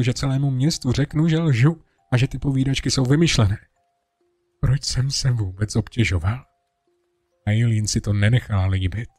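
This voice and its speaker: A man reading a first-person horror story in a steady, dramatic way over a music bed. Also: medium pitch, no echo. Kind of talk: scripted horror narration.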